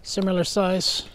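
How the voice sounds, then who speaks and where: A man giving casual running commentary while fishing from a kayak on a river, relaxed and chuckling between remarks. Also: sits high, a little hiss or hum. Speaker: fishing vlogger. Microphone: action camera mounted on kayak.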